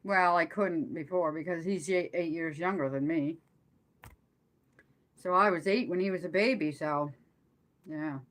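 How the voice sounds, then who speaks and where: An older or middle-aged woman talks casually on a live stream, her voice sitting on the low side. She rambles and hesitates, often letting a thought trail off unfinished.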